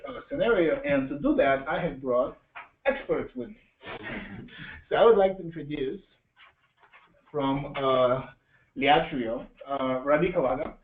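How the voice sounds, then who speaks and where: Hosting a live meetup and introducing speakers, a man jokes loosely, halts mid-sentence often, and throws questions to the audience in this informal presentation. His middle-pitched voice comes from far off the mic in an echoey room, sounding thin and narrow with faint background noise.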